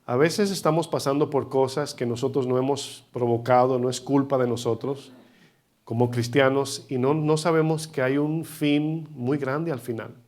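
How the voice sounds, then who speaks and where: A man preaching a sermon to his congregation, emphatic and direct, often asking the listeners questions, his loudness rising and falling sharply between phrases. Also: medium pitch, fairly even intonation, moderate pace. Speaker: pastor. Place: church service.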